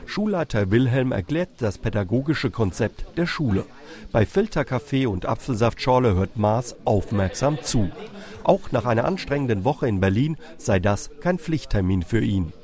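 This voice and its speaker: Man reading a news voice-over. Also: mid-range voice. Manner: even, measured voice-over delivery. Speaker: TV reporter. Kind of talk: scripted news narration.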